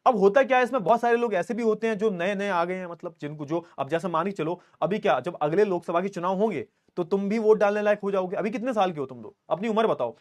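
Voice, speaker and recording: A man's voice: high voice, fast talker, hardly any pauses. A man in his twenties teaching an online class in a chatty, teasing way, reading student comments aloud and joking with them. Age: 20s. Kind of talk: live online class lecture.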